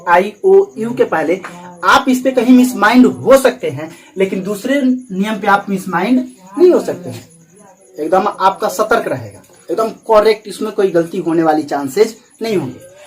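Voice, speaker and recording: At the front of a coaching classroom, a male teacher works through a grammar lesson with his students present, drilling each point slowly, word by word. He often pauses to ask whether anyone is struggling and speaks with easy affection, calling students "babu." His voice sits high, and the audio is poor.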